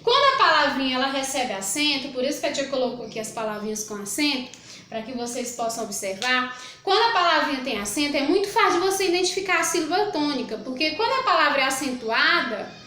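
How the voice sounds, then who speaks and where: A woman with a Brazilian Portuguese accent gives a grammar lesson to young pupils in a high voice. She is patient, says words slowly and more than once, and keeps checking that the class follows her. Her voice rings in an echoey room. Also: lively intonation, sharp tone. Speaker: primary school teacher. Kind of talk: recorded grammar lesson for children.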